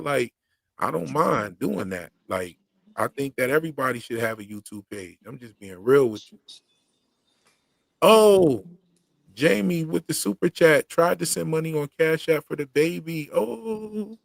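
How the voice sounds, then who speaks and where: With a fairly high pitch and noticeable vocal fry, a man hosts a livestream on his YouTube channel; the recording is dry and studio quality. He chats in a slangy, loosely rhythmic way and notes that he once had a heavy stutter.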